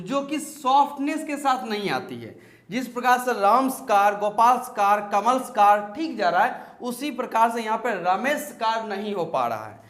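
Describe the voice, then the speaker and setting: A man's voice: high voice, fairly bright tone. Man teaching grammar in an echoey room. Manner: explains step by step, repeats key words and asks the class questions. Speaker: English teacher. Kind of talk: classroom grammar lesson.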